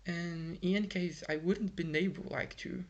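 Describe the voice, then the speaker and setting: The audio is dull as a young Brazilian man, whose native tongue is Portuguese, vlogs in accented English from home in Ireland. His slightly high voice has fairly even intonation at normal speed, and his casual monologue is frustrated and rambling, packed with fillers and restarts.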